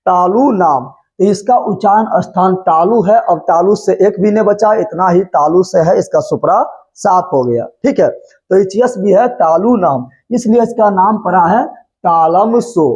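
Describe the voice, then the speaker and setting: A man's voice: high voice, a little mellow. A man teaching grammar to a class, chanting a memory rhyme and quizzing his listeners with repeated questions. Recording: dull lo-fi recording.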